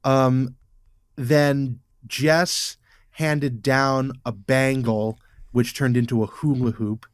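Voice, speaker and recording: A man on a podcast, gushing about scenes he loves and tripping over his own starts. His voice sits at a middle pitch and comes through dry and close, with no room sound. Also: fairly even intonation, slow, clean tone, no room sound. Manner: enthusiastic, stammering restarts. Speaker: podcast co-host. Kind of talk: casual chat.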